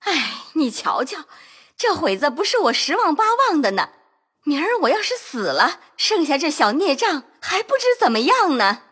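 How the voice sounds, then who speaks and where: Woman playing a weary, sharp-tongued young noblewoman. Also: fairly high pitch, big pitch swings, unhurried, breathy edge, heavily acted. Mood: despairing. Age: 20s. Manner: sighing, cutting, melancholy. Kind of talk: audio drama acting.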